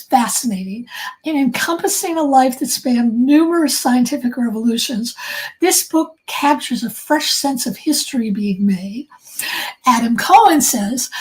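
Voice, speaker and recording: A woman's voice: high voice, darkish tone, low-quality recording. A woman hosting a book talk interview, speaking in an effusive, enthusiastic way. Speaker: host interviewing an author.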